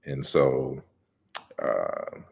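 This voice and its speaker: A man hosting a casual livestream Q&A, reading out viewer questions and answering them in a relaxed, lecturing way with many fillers and restarts. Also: a bass voice, creaky. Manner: explains at length in a measured, lecturing way. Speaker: host of an open discussion livestream.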